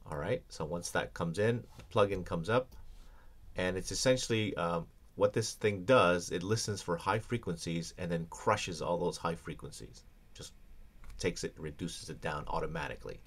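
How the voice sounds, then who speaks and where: Male audio instructor, low voice, easygoing screencast walkthrough with filler words. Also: normal speed. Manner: casual, explanatory, many ums and restarts. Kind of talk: screencast software tutorial.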